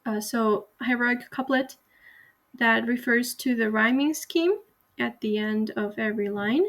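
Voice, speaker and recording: A young woman, a university student, gives an earnest class presentation explaining a poem. Her pitch is fairly high, and she pauses and restarts frequently.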